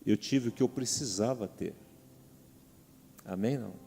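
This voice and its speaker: A man's voice: mid-range voice, unhurried, creaky, slight background noise. A middle-aged man with a Brazilian Portuguese accent preaching a sermon as pastor. He talks animatedly, calls out to the congregation and acts out quotes. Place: large church hall. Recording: reverberant church hall with soft music.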